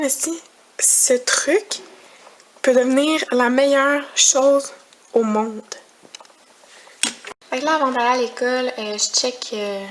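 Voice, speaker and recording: A woman's voice: on the high side, background noise. A young woman with a Quebec French accent chatting casually in a home vlog, rambling and complaining with disgust. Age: young adult. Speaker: vlogger.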